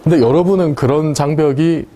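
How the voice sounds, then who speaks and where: A man's voice: a little high, fairly quick, mellow. A man giving a university lecture in a casual, chatty way, often asking the class questions and laughing at his own points. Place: lecture room.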